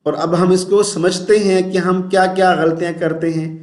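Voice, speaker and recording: A man leads a Quran recitation lesson with a high, carrying voice. He stretches each verse into a slow, melodic chant, then drops into quick, plain explanation of the mistakes to avoid. The room gives his voice a noticeable echo. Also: flat delivery, a little mellow.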